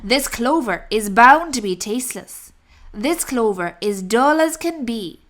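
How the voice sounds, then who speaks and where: A woman voicing a fearsome, greedy male rat highwayman in a storybook, bellowing and commanding with scorn. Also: lively intonation, a little slow, a bit bright. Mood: scornful. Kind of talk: storybook character voice.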